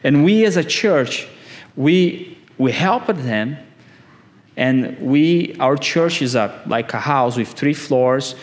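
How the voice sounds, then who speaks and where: A man preaching a sermon in slow, emphatic phrases, his voice climbing on the key words. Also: mid-range voice, animated. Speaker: pastor.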